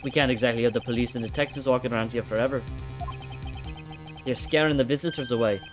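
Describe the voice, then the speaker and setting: A man's voice: medium pitch, steady tone, fast talker, close to an everyday voice. A man voicing a polite but firm middle-aged male ambassador with a formal manner, over game music.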